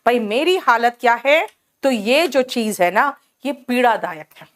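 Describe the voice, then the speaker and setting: An Indian woman teaching English in a live online class, speaking slowly and deliberately in a slightly high voice. She drills each word by repeating it and calls on students by name. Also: expressive.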